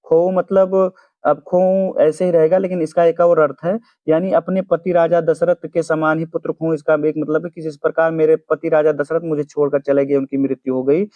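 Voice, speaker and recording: Hindi teacher dictating meanings, phone-like sound. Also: male voice, on the high side, little pitch movement, dry recording. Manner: slow, repeats each meaning for dictation. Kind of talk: explaining poem word by word. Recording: dry, phone-like narrow sound.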